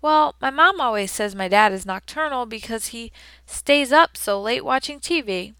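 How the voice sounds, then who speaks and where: A woman's voice: a little high, animated, normal speed, pushed and bright, smooth, dry recording. A woman reading the part of a squirming young schoolboy, explaining in a hesitant, sheepish way.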